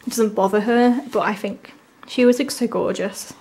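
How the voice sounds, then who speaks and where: A woman with a sore, swollen-tonsil voice from tonsillitis, chatting casually and gushing excitedly as she hosts an unboxing. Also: mid-range voice, normal speed. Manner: gushing, enthusiastic. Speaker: unboxing video host.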